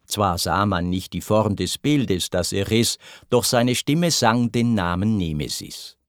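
A man narrating a rhymed verse tale in a measured, solemn recitation. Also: lowish voice, lively intonation, no room sound, studio quality.

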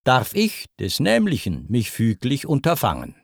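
Mock-humble cyclops smith for a verse epic, read by a man, sly and unhurried. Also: medium pitch, huge pitch swings, creaky, no room sound, clean studio sound, heavily acted. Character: plain honest cyclops smith god, falsely modest.

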